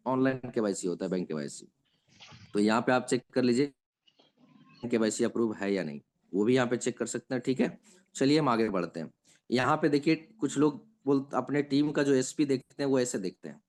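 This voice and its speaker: A man, a trainer walking viewers through an app step by step in a screen-share lesson, checking in with them as he goes. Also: mid-range voice. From India. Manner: patient step-by-step explaining, often checking in with listeners.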